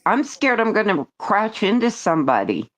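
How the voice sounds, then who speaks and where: A woman taking part in a casual group chat, teasing and telling stories in a lively way. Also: mid-range voice, normal speed, rough recording. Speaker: chat guest.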